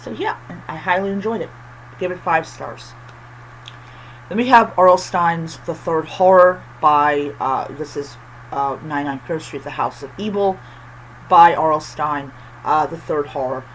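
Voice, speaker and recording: A book reviewer chatting casually with a lisp and whistling s from missing teeth, halting often and repeating phrases. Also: mid-range voice, fairly bright tone, slight background noise, poor audio.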